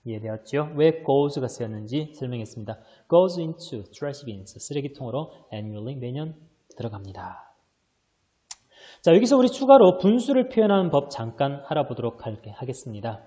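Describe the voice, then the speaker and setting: A male high school English teacher giving a recorded online lesson, explaining step by step and answering his own questions. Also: very animated, moderate pace, warm tone, big-room sound. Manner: mixes English readings into Korean explanation.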